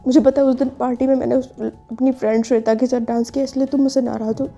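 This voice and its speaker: Woman doing heartbroken crying lady boss, desperate, high strained voice, dark tone. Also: flat delivery, fast talker, gravelly, muffled recording, soft background music. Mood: hurt.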